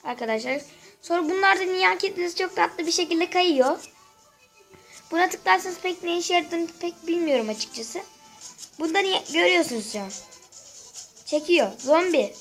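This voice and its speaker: Woman with a very high voice, sore throat, chatty gameplay walkthrough, keeps calling viewers friends, faint game music behind. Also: normal speed, long pauses, a bit bright, poor audio. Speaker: gaming channel host.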